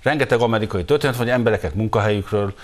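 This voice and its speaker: Vitatkozó férfi vendég, mélyebb hangon. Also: male voice, lowish voice. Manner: argumentative, hesitant with fillers. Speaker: journalist guest. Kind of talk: political debate.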